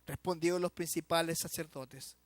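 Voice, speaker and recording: A man's voice: on the high side, fairly even intonation, normal speed, dry recording. A man preaching a sermon as pastor, emphatic and drawn out, often asking the listener rhetorical questions. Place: church.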